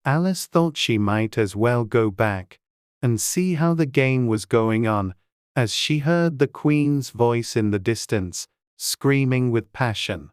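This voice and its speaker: A man gives a measured, scripted storybook narration. His voice is smooth and resonant at a medium pitch, with crisp enunciation. The recording is very dry. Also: animated, no echo. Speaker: audiobook narrator.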